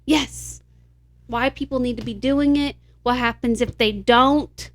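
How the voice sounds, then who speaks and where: Upbeat female podcast co-host, slightly high voice, explains tips in a chatty way. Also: steady tone, a little slow. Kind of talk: casual podcast chat.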